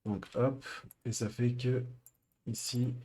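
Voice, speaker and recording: A man streaming a live coding session, thinking aloud with many pauses and fillers. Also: mid-range voice, steady tone, warm tone, a little hiss or hum.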